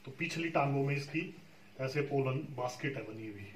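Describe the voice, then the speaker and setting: A beekeeping trainer explains his subject patiently to a group of farmers, pausing often to check they understand. His mid-range voice moves at normal speed. The mic sits far away in an echoey room, with slight background noise.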